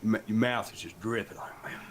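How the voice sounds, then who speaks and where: A man's voice: fairly low pitch, quick pace, slight background noise. A young man with an Appalachian accent, co-hosting a podcast in casual chat, joking and rambling and swearing freely. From rural Appalachia. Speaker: podcast co-host.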